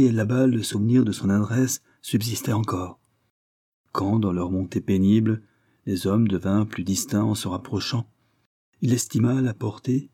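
A man reading a novel aloud as an audiobook narrator, with steady, measured narration. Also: lowish voice, husky. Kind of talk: scripted narration.

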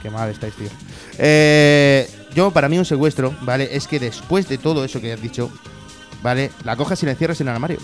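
A man hosting a casual radio chat among friends, playful and prone to loud outbursts when he acts out quotes. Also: mid-range voice, a little fast, faint music behind. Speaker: radio show host. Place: radio studio.

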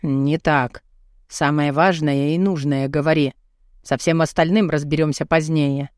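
A brash, burly man with a husky, gruff voice, as a woman narrator puts him on, teasing and blunt in a swaggering way. The voice sits a few steps lower than a woman's usual talk and is recorded dry and close, as in an audiobook. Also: fairly even intonation, a little slow, a little mellow, no echo. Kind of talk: audiobook character voicing.

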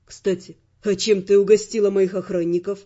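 A woman voicing a confident, teasing young male earl in a lowered, mocking, self-assured tone. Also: flat delivery, moderate pace, warm tone, lo-fi sound, close to an everyday voice. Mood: wry, confident.

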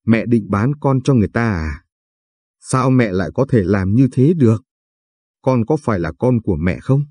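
A hurt young woman fires bitter, reproachful questions at her mother, voiced by a male narrator. The voice is deep and mellow, with a dry, close sound. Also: expressive, normal speed, slightly rough, no echo.

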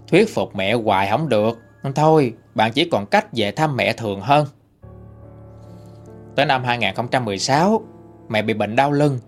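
A man narrating listener stories in a conversational storytelling manner. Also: mid-range voice. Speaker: ghost story channel narrator. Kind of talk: reading listener-sent stories.

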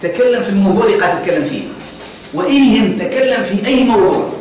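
A man's voice: high voice, rapid-fire, a little mellow, recorded from a distance, a little hiss or hum. A man with a Tunisian Arabic accent teaching a grammar lesson, quizzing students and repeating key words. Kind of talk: classroom lecture. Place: classroom. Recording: echoey classroom, voice from afar.

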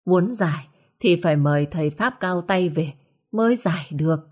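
A woman voicing a cautious older male healer who speaks gravely and deferentially. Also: fairly low pitch, moderate pace, a little mellow, natural voice.

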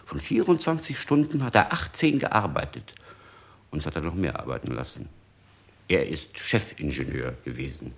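A solemn royal retainer in a 1960s radio play, extolling the old king's deeds one by one. His voice is extremely deep and gravelly, with a husky edge. It rises and falls widely as he proclaims. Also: sing-song, normal speed, exaggerated voice. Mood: proclaiming. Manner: proclaiming, listing deeds reverently.

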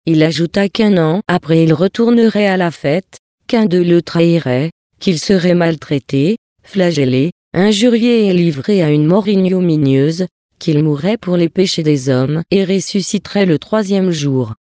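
A reader gives a steady, even scripted narration of a religious text. The tone is mellow and warm, and the recording is dry, with no room sound. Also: mid-range voice, a little slow, dry recording. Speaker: audiobook reader.

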